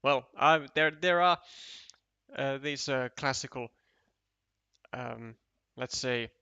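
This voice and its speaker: Male game caster, slow and bright, dry mic, thinks aloud and restarts often. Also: mid-range voice, smooth, no echo, dull audio. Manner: thinking aloud, counting tiles, many restarts. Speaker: esports commentator. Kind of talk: live game commentary.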